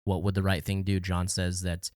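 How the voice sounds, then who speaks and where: A man's voice: low voice, completely flat delivery, normal speed, darkish tone, no room sound, studio quality. A man co-hosting a podcast, talking in a casual, earnest way and often restarting his sentences. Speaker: podcast co-host.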